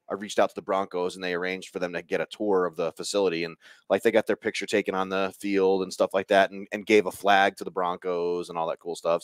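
A man hosting a casual chat show, joking and quick to laugh. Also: low voice, no echo, studio quality. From Connecticut. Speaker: podcast host.

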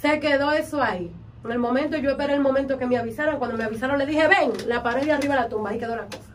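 High-voiced Dominican woman telling a tale. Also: rapid-fire. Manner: animated, acts out quotes and chants. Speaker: vodou practitioner guest. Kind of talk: storytelling in an interview. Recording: distant mic, faint background noise.

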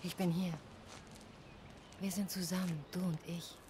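An actress playing a woman who gently teases and encourages her partner. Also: lowish voice, little pitch movement, a little slow, noisy background, close to an everyday voice. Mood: coaxing. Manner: coaxing and teasing. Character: teasing, supportive woman scientist.

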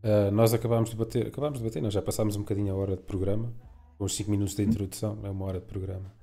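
Fast-talking Portuguese podcast host. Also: male voice, fairly low pitch, level tone, creaky, dark tone, soft background music. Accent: European Portuguese. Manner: brisk, prompts the chat. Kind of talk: casual chat. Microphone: video call.

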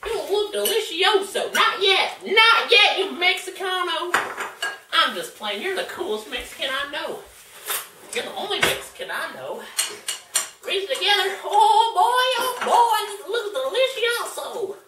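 A man's voice: extremely high pitch, very animated, unhurried, heavily acted. A young man voicing Floyd, a folksy, goofy male cooking-show host who keeps saying "y'all" and "folks," in a hammy, put-on voice, filmed in a home kitchen by a camera across the room. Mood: excited. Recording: echoey kitchen, far camera mic, faint noise.

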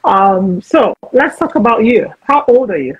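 A woman's voice: on the high side, expressive, measured pace, slightly rough, lo-fi sound. A woman in her forties hosting a casual video-call interview, frank and chatty, often restarting her sentences. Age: 40s. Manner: chatty, frank, talks over herself with restarts. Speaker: host.

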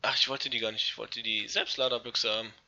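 A young man giving casual, excitable commentary over an online shooter match, swearing and talking to his viewers. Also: mid-range voice, fairly quick, a little hiss or hum. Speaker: let's play gamer. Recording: dull lo-fi gaming mic.

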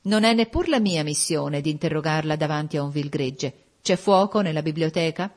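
A woman's voice: low voice, expressive, normal speed, darkish tone. A woman reading an audiobook voicing a haughty, commanding young noblewoman. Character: imperious proud young noblewoman.

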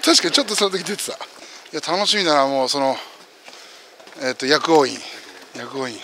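A man's voice: on the high side, fairly quick, a little hiss or hum. A man streamer chatting casually and joking while walking a mountain trail outdoors, recorded on a camera mic. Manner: animated, joking, exclaims loudly. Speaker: streamer and host. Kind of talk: casual chat while hiking.

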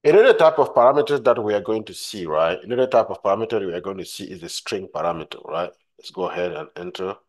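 A man giving a screen-recorded software tutorial, walking through steps and often checking in with "right?" while repeating his points. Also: lowish voice, animated, fast talker, few pauses. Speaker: tutorial instructor.

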